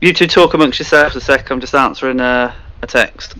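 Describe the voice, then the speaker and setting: A man's voice: medium pitch, brisk, pushed and bright, poor audio. A man co-hosting a casual podcast chat, reacting bluntly and asking questions. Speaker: co-host.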